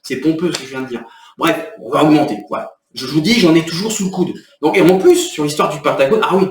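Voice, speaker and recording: A man's voice: fairly high pitch, fast, recorded from a distance, a little hiss or hum. A man talking to camera in an irritated, rambling way, explaining his next video and venting. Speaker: video creator. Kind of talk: agitated talking-to-camera vlog. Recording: echoey room, off mic.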